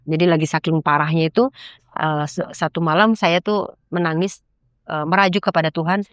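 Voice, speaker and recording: A woman's voice: deep voice, fairly even intonation, normal speed, no echo. Earnest woman sharing her testimony. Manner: earnest, preachy, acts out her own pleas in a rising voice. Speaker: podcast guest. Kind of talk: emotional personal testimony.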